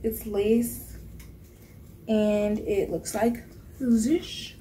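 A woman's voice: medium pitch, fairly even intonation, extremely slow, mellow, a little hiss or hum. A young woman vlogger chatting casually about her shopping haul in her bedroom, playful and laughing often. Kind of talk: casual haul vlog talk. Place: bedroom indoors. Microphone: camera mic at close range.

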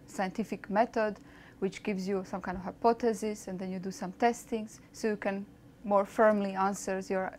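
Croatian woman in her thirties, researcher explaining her work, mid-pitched, hesitant but thoughtful, small office with light background ambience. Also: slight background noise. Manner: thoughtful, measured, with frequent hesitations. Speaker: postdoctoral researcher. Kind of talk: documentary interview. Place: small lab office, indoors. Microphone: lapel mic.

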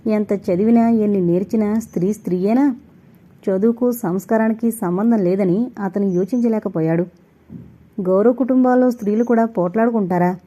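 A woman's voice: a little high, muffled recording. A woman reading a novel aloud, narrating and voicing every character's dialogue. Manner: reads all characters, rising louder in quarrels. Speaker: audiobook narrator.

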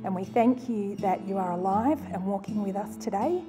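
A woman leading a spoken prayer in an earnest, steady way. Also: medium pitch, moderate pace. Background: guitar music.

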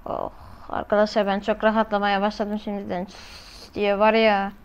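A woman's voice: mid-range voice, monotone, moderate pace, clear, resonant tone, lo-fi sound. A woman doing casual, slangy reaction commentary as a video host, often exclaiming.

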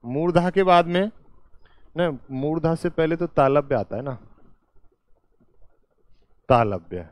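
A man teaching a class at a board, speaking slowly, repeating each point and answering his own questions. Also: on the high side, a little mellow, no room sound. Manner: slow and repetitive, quizzing students with questions and answering them himself; calls the viewer "beta" and "my dear".

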